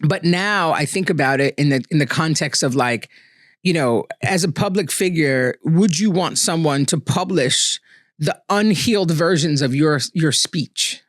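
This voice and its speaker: Earnest man musing, slightly high voice. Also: unhurried, no room sound, studio quality. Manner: earnest, conversational, often adds "right?". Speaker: podcast host. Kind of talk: reflective solo monologue.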